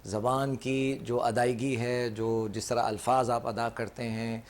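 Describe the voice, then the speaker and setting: A man's voice: medium pitch, little pitch movement, measured pace, slight background noise. A man from Pakistan, an English teacher and guest on a studio show, explaining step by step and checking in with "theek hai?".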